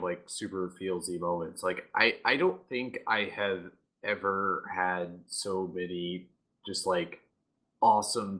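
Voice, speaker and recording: A man's voice: low voice, sharp tone. A man on a casual community livestream panel, heartfelt and full of filler words.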